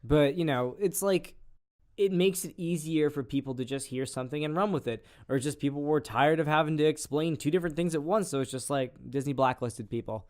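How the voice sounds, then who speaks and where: A man's voice: a little high, brisk, a little mellow. A man co-hosting a casual podcast, chatting in a wry, offhand way and swearing now and then. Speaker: podcast co-host.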